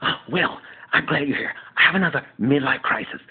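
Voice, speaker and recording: A man voicing a flamboyant, dramatic man who is always in some crisis, talking in a high, theatrical voice. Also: fairly quick, breathy edge. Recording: tinny phone-like recording.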